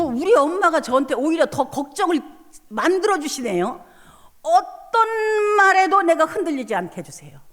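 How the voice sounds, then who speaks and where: A middle-aged woman preacher giving a revival sermon testimony, quietly retelling conversations and rising into fervent prayer. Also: medium pitch. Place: church sanctuary. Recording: long hall reverb.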